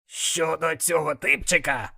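Man doing a hissy sneaky demon, high and gravelly, bit raspy. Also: steady tone, a little slow, bright, forceful tone, no echo, clean studio sound, exaggerated voice. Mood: spiteful. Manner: hissing, spiteful. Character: sneaky suspicious male demon schemer.

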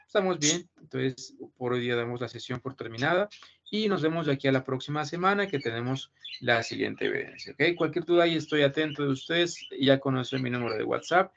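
Gravelly teacher on a call. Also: male voice, medium pitch, expressive, a little fast, fairly bright tone. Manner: reassuring, repeats himself, keeps checking with "¿listo?". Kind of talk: online class talk to students. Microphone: video call. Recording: muffled video call audio with faint noise.

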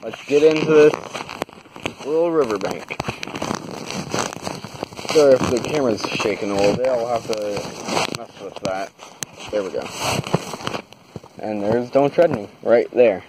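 A man's voice: mid-range voice, measured pace, pauses often. A man vlogging from a kayak on a river, his voice muffled through a waterproof phone case, easygoing and laughing often. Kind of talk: casual outdoor vlog commentary. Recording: muffled with water and wind noise.

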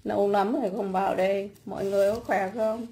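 A woman's voice: mid-range voice, fairly even intonation, fast talker, warm tone, slight background noise. A woman from Vietnam, ranting bluntly and scornfully on a casual livestream while making cakes at home, with many repeated fillers.

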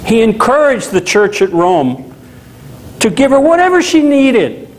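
A middle-aged man from Louisiana preaches a sermon as a small-chapel pastor, speaking in an animated, conversational way with asides. His voice is very high and a little slow, and the audio is poor.

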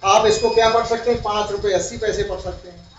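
A man's voice: sits high, steady tone, fast talker, a crowd in the background. A male primary school teacher giving a classroom lesson, asking his pupils questions and repeating their answers. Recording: roomy, far-off, dull, slightly noisy.

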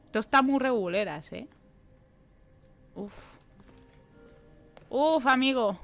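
Faint music plays behind a young streamer from Spain, who has a Spanish accent, as she slowly commentates on the horror game she's playing. Her voice runs high with lively intonation, and she swears often and speaks directly to the characters.

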